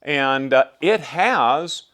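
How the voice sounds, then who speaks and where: A man hosting an explanatory vlog, talking in a measured, conversational way. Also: medium pitch, lively intonation, a bit bright. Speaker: host explaining shooting gear tests.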